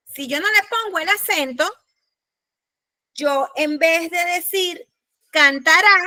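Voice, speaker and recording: A woman's voice: high-pitched, bright, forceful tone, dry recording. A woman instructor giving a law-writing class, patiently spelling out examples. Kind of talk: lecturing on spelling rules.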